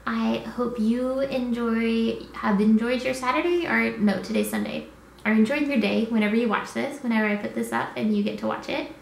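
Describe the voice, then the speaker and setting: A woman's voice: on the high side, big pitch swings, brisk, vocal fry. A sleepy, worn-out woman in her twenties rambles casually to camera as a vlogger, easily drifting off track. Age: 20s. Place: small indoor apartment room. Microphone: camera at arm's length. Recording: echoey small room with faint noise.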